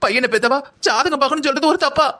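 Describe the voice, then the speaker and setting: A woman's voice: mid-range voice, rapid-fire, fairly bright tone, close to an everyday voice. A woman voicing an anxious, scheming middle-aged mother who talks in a dramatic, self-pitying way in a cartoon drama. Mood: wounded.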